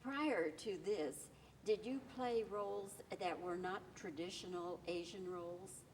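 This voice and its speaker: A woman's voice: fairly low pitch, measured pace, a little mellow. A woman interviewing a stage actress, asking questions in a gracious, enthusiastic way. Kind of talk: TV entertainment interview. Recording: distant mic with faint room noise.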